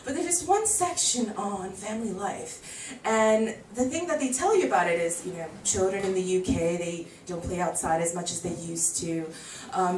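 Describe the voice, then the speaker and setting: Her voice is fairly low, with a little hiss or hum in the recording. The American comedian, in her thirties, keeps her set chatty and animated in a small bar club, doing voices in quotes. A faraway camera records her handheld mic, so the room sounds echoey and distant.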